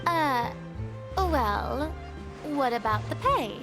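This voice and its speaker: This woman plays a vain young star in a video game, using a full character voice that sits high with lively intonation. She speaks extremely slowly, haughty and theatrical, with game music behind her.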